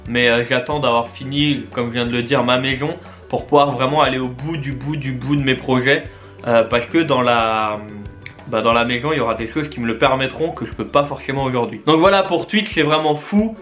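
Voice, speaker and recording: A YouTube and Twitch creator in his twenties addresses his viewers in an eager, casual vlog, full of fillers and restarts. His medium-pitched voice is fairly quick and fairly bright, with faint music in the background.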